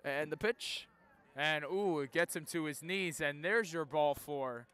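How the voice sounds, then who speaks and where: Guy doing radio style baseball play by play outside, highish voice, slow drawn out calls. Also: a bit bright, smooth. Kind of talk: live baseball commentary in the manner of a radio announcer. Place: outdoors at a school baseball field.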